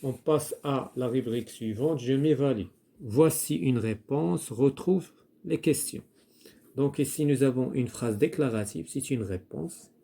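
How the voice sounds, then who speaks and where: A man teaching a primary-school French grammar lesson, explaining slowly and repeating himself while he writes out the examples. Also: mid-range voice, creaky, warm tone. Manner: slow, repetitive explaining with restarts and fillers.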